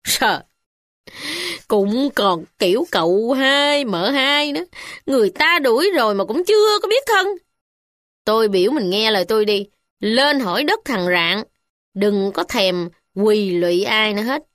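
A woman with a Southern Vietnamese accent voicing a bold, scornful poor village wife who speaks sharply and high. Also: animated, unhurried, no room sound, studio quality. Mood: scolding. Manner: sharp, scolding, raised pitch.

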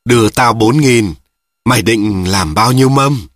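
A man's voice: mid-range voice, measured pace, fairly bright tone, dry recording, studio quality. A man putting on a crude old cart driver. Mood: gruff.

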